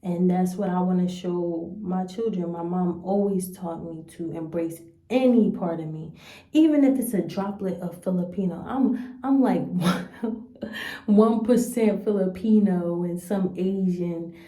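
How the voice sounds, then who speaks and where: A young woman from the United States speaks slowly and earnestly, thinking aloud in a casual vlog. Her voice is mellow and warm, and the room around her gives it a noticeable echo. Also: fairly low pitch. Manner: earnest, rambling and hesitant. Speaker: vlogger. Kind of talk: casual reflective commentary to camera. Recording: roomy echo.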